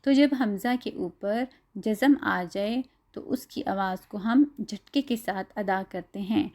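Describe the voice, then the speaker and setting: A woman teaching Quran tajweed, slowly spelling out letter sounds and then repeating them clearly. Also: mid-range voice, darkish tone. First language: Urdu. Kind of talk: tajweed lesson, reciting letter drills.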